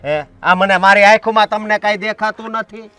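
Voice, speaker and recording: A man's voice: high-pitched, fairly even intonation, moderate pace, pushed and bright, smooth, dry recording. A man playing a stubborn village enforcer in a short film, bossy and threatening. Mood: stern. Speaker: village strongman blocking the road. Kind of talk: short film drama acting.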